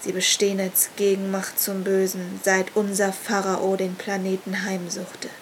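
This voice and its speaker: Old sinister seer leading a cult, read by a woman slow and even, cold and knowing. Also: mid-range voice, a little hiss or hum, close to an everyday voice, poor audio. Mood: solemn. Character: old scarred male cult leader and seer.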